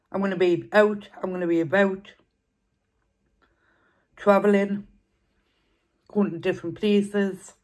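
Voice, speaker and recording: A young woman, chatting casually while eating on camera and repeating herself as she rambles. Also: mid-range voice. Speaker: food vlogger. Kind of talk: casual mukbang chat.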